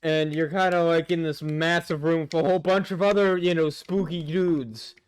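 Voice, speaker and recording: A man's voice: on the high side, fairly even intonation, moderate pace, clear, resonant tone, no room sound. A young man narrating as game master, casual and offhand with swearing.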